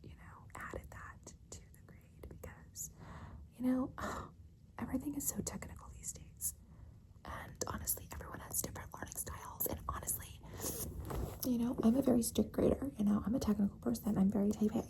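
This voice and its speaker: A woman playing a doting, flirtatious teacher in a whispered ASMR role-play, speaking in a soft, breathy, creaky whisper as if confiding a secret, often pausing to seek agreement. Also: fairly high pitch, fairly even intonation, poor audio. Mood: confiding, understanding.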